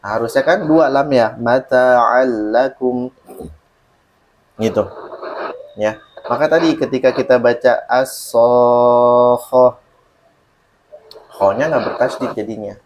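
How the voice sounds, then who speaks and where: A man's voice: medium pitch, normal speed, a little hiss or hum. A man teaching Quran recitation in an online lesson, patiently explaining rules and reciting examples, often checking that the student understands.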